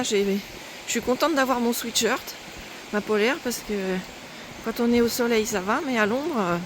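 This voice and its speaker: A woman chatting casually as she walks a mountain trail, narrating her pilgrimage for a vlog. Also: a little high. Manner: chatty, narrating while hiking uphill. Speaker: pilgrim vlogger. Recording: outdoor wind and ambient noise.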